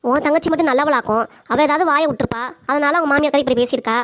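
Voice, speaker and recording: Bossy cartoon wife, high and fast, close dry mic woman doing it. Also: fairly bright tone, no room sound. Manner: bossy, nagging. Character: sharp-tongued scheming young wife. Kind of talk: cartoon comedy voice acting.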